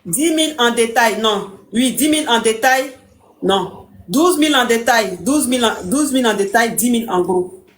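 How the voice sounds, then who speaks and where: A woman's voice: fairly high pitch, lively intonation, normal speed, close to an everyday voice. A woman playing a bossy live-stream coach. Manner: mocking, imperious, threatens to block callers. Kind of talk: comic live-stream parody. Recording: roomy echo.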